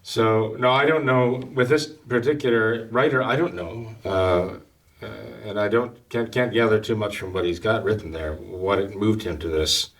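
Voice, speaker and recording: A man, a priest, explaining his views on a talk show in a measured, hesitant way, with many pauses and restarts. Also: lowish voice, fairly bright tone. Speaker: priest and guest. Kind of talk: casual talk-show discussion. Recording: somewhat distant from the mic.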